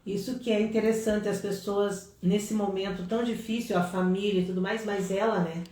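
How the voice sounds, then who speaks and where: A woman's voice: medium pitch, fairly even intonation, normal speed. Brazilian woman host, very echoey. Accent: Brazilian Portuguese. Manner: warm affirming backchannels. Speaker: live stream host. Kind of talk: interview, live stream. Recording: very echoey, distant mic.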